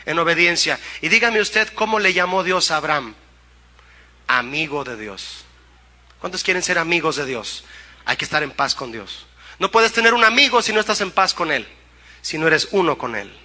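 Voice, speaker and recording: A man's voice: on the high side, animated, moderate pace, bright, forceful tone, long reverb tail. A male pastor preaching a sermon, reading scripture aloud and asking the congregation to answer back.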